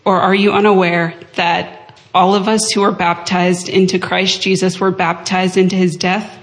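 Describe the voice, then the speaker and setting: A woman reading a scripture passage aloud to a congregation in a steady, measured way. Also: lowish voice. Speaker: scripture reader.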